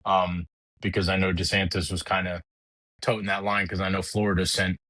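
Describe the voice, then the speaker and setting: A middle-aged podcast host with a very low, deep voice goes on a casual political rant, blunt and heated, swearing freely and often restarting sentences. His tone is level yet sharp and his pace brisk. The recording is dry, close and rough, with almost no room sound.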